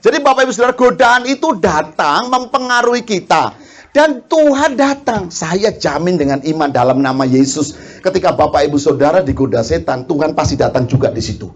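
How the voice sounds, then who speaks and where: Male pastor, high and animated, questions the room as he preaches. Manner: asks the congregation questions, quick laughs, acts out quarrels. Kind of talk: lively sermon.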